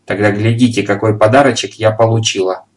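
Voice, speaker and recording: A man doing a loud, scolding landlady. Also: lowish voice, fairly even intonation, a little fast, lightly acted. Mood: furious. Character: furious middle-aged landlady.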